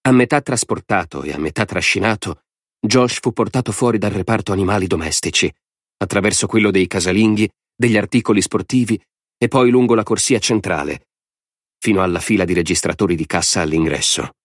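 A man narrating an audiobook in a dramatic, expressive storytelling style. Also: on the low side, brisk, no echo, clean studio sound.

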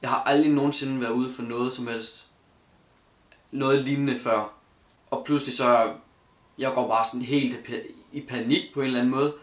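A man's voice: medium pitch, fairly even intonation. Earnest young man, echoey room. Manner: earnest, hesitant, many fillers and restarts. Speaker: YouTuber telling a story. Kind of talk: casual story time vlog.

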